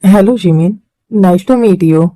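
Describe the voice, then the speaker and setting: A woman's voice: mid-range voice, extremely slow, mellow, dry recording, low-quality recording. A woman voicing a stern, protective older brother in a fan-made dubbed drama. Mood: polite. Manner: scolding, protective.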